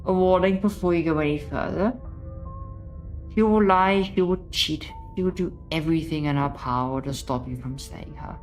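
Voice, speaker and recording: A woman's voice: sits low, moderate pace, faint music behind, lightly acted, poor audio. A woman playing a stern, solemn narrator in a story game, with emphatic delivery and a British accent. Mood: stern warning. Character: stern, grave storybook narrator warning the hero.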